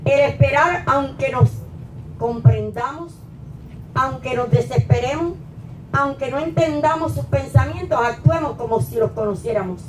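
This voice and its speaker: A middle-aged woman pastor preaching a sermon at a pulpit into a handheld mic, rising to emphatic peaks and then dropping low. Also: a little slow, noisy background. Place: small church hall, at a wooden pulpit. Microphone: handheld mic, filmed from a distant camera. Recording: echoey church hall from far off.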